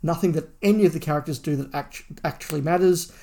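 A man co-hosts a podcast, casually discussing a book with analytical, opinionated takes and emphatic repetition. His voice is on the high side, creaky and warm, and he talks fast.

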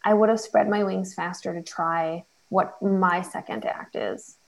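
A woman's voice: lowish voice, fairly even intonation, measured pace, creaky, low-quality recording. A woman in her forties, a fashion entrepreneur, chatting candidly and self-deprecatingly as an interview guest. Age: 40s.

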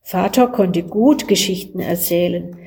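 A woman calmly reading a devotional Christmas story aloud, slow and gentle. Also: fairly low pitch, vocal fry.

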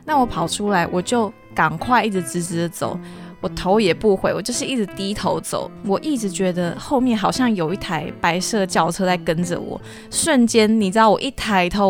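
A woman's voice: medium pitch, moderate pace, soft background music. Chatty young woman storyteller. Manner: candid, chatty, earnest. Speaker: podcast host. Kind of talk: personal storytelling podcast.

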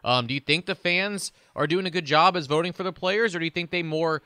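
Bright, quick male podcast host. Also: fairly high pitch, clear, resonant tone, dry recording. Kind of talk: sports interview.

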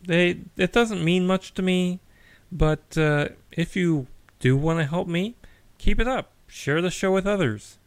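A man's voice: high voice, a little slow, clean tone, no echo. A man hosting a geeky news podcast, chatty, with wry asides and frequent fillers. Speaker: podcast host.

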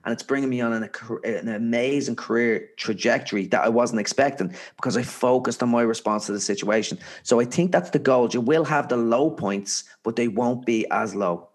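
A man's voice: mid-range voice, normal speed, few pauses. Earnest Irish man, motivational podcast guest. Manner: earnest, emphatic, repeats phrases for stress. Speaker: podcast guest, author and speaker. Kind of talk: conversational motivational interview.

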